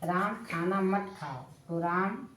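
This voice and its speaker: Slow, dictating woman teacher in echoey room. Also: lowish voice, a bit bright, a little hiss or hum. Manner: dictates slowly, repeating each word as if for notes. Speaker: Sanskrit teacher. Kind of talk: classroom-style lesson.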